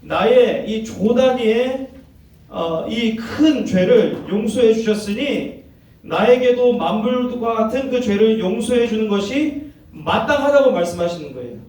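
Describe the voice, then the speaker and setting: A man's voice: very high voice, animated, measured pace, darkish tone, recorded from a distance. A man preaching to young people, often asking them questions and acting out the voices in the story he tells. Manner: asks the audience questions, acts out quoted voices. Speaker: youth pastor. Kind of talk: interactive sermon to teens. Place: church hall. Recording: very echoey hall, heard from afar.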